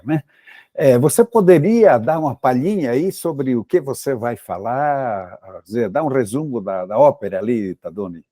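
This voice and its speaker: Brief: man as interviewer, mellow tone, dry close sound, casual questions. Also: medium pitch, dry recording. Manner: deliberate, informal questioning with stumbles.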